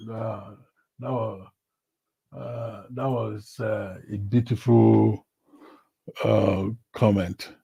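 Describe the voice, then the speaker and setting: Slow, gravelly man talking football. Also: fairly low pitch, little pitch movement, mellow, dry recording, studio quality. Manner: asks rhetorical "what?" questions and answers them himself; repeats words and phrases, with many fillers. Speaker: football vlogger reading viewer comments. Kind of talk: casual live commentary.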